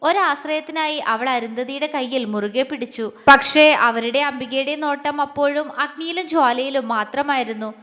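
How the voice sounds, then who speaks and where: Woman storyteller, high voice, steady expressive reading, long reverb. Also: normal speed, hardly any pauses. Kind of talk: audiobook story narration.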